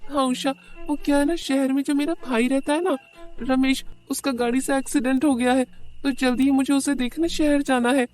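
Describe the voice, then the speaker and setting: A woman's voice: high voice, fairly even intonation, moderate pace, darkish tone, faint music behind, natural voice. Woman putting on a vain, fussy neighbour woman. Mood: hurried. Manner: repeats a fussy catchphrase. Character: vain middle-aged woman neighbour with a catchphrase.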